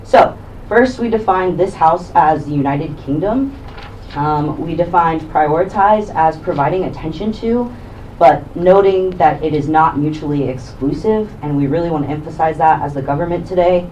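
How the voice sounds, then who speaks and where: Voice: medium pitch, moderate pace, darkish tone. A young student debater giving an organized, upbeat opening speech. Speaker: debater, prime minister bench. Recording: distant mic with faint room noise.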